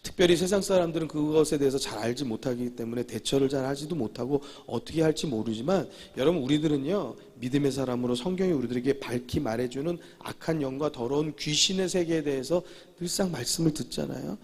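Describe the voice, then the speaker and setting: A male pastor preaching a sermon in a church, emphatic and repetitive, with sudden loud declarations. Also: medium pitch, fast talker, few pauses. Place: church sanctuary. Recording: long reverb of a church hall.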